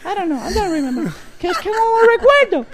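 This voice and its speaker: Very high-pitched and very animated, a woman rattles along at a fairly quick pace as a bragging, flirtatious American nun in an improvised radio comedy bit. She speaks Spanish with an American accent, giggles giddily, rambles, and mixes in English, all over a noisy background.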